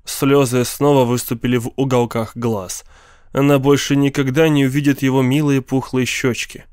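A man narrating an audiobook in an even, measured reading. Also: medium pitch, clear, resonant tone, dry recording, clean studio sound. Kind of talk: scripted narration.

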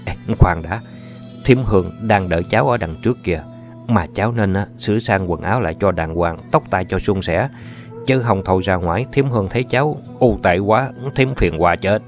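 A man's voice: low voice, normal speed. A man voicing an eager-to-please, fluttery middle-aged male teacher. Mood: coaxing. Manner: fluttery, overly courteous. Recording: muffled audio with faint music.

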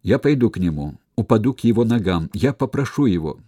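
A man's voice: on the low side, big pitch swings, takes it slowly, warm tone, breathy edge, dry recording, clean studio sound, exaggerated voice. A man reading an audiobook, voicing a frightened young Roman woman who pleads breathlessly. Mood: desperate pleading.

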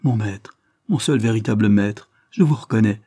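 A man's voice: on the low side, moderate pace, mellow, dry recording, clean studio sound, lightly acted. A man voicing an old, loyal male estate steward who talks in an agitated, pleading way. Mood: tearful devotion.

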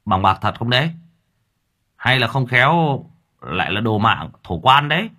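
A man voicing a hot-tempered male motorbike-taxi driver who talks loud, brash and crude. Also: mid-range voice, very animated, normal speed. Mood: blustering angry.

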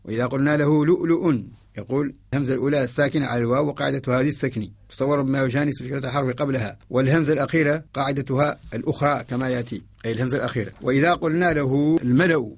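Gravelly fast-talking teacher. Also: male voice, medium pitch, dry recording. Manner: methodical, chants verse lines then explains them; poses example questions to an imagined student. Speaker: Quran spelling teacher. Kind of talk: radio lesson.

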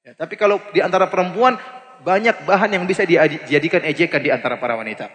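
A man's voice: a little high, quick pace, fairly bright tone. A man from Indonesia preaching a religious lecture to a mosque audience, emphatic and full of rhetorical questions. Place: large mosque hall. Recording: long hall reverb.

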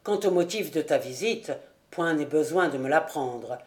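A secretive charcoal burner with a voice pressed low and slow, as a woman reads him in an audiobook. He talks with grave calm, in a steady, hushed tone. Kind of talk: audiobook character voice.

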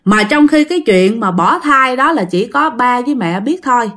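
Brief: woman storyteller, Southern Vietnamese accent, chatty, talks straight to listeners, higher voice. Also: lively intonation, moderate pace, fairly bright tone. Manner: chatty, addresses listeners directly. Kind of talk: casual ghost story narration.

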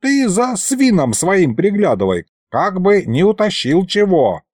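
A man's voice: high-pitched, sing-song, measured pace, a little mellow, no echo, clean studio sound, pitched above the performer's own voice, heavily acted. A man voicing a cantankerous old male wizard spirit who scolds and shrieks in a folksy way. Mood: grumpy.

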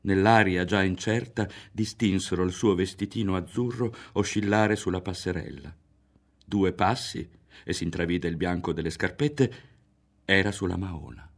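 A man reading a literary novel aloud in a measured, expressive way, often dropping to a hushed tone. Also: low-pitched. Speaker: audiobook reader. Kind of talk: literary audiobook narration. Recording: faint music underneath.

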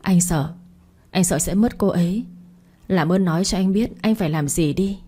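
A woman's voice: lowish voice, moderate pace, mellow, breathy edge. A woman reading the lines of a remorseful young husband in a storybook, speaking in a pleading, desperate way.

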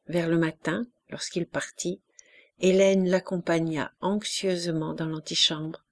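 A woman narrating a classic novel as an audiobook with a measured, expressive reading. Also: fairly low pitch. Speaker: audiobook reader. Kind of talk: scripted literary narration.

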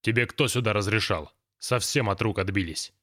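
A gruff, know-it-all grown man, voiced by a male audiobook reader, who lectures his friends slowly and snaps at children. The voice sits low and close, with a dry, unechoing sound. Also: a bit bright, no echo. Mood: scolding. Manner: thoughtful, lecturing, then scolding.

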